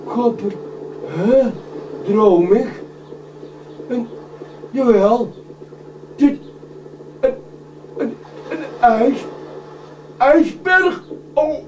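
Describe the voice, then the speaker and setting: A man's voice: extremely high pitch, expressive, very slow, pauses often, exaggerated voice. A man playing a stammering, panicky young sailor. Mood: indignant. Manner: stammering, frantic shouting. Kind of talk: live puppet show. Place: museum room. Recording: echoey room, distant mic, noisy.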